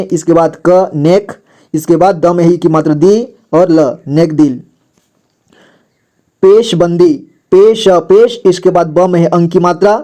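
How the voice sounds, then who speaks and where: High, mellow-voiced man teaching reading. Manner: patient, repeats each word twice and explains letters. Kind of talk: slow word-by-word reading lesson.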